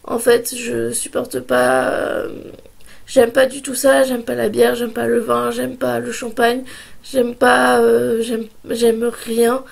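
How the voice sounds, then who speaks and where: Hoarse from a sore throat and a cold, a woman in her twenties talks hesitantly in a casual vlog, pausing and restarting often. Her voice is a little high, with a level tone.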